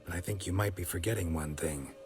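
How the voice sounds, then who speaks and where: An actor playing a weary, gruff male monster hunter, who talks in terse, clipped, muttered lines in video game dialogue. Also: deep voice, fast, darkish tone, lightly acted. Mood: dry. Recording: game audio with music underneath.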